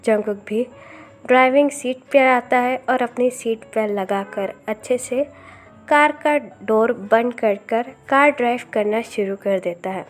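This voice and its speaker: A woman narrating a fan story aloud in steady storytelling. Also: on the high side, unhurried, soft background music.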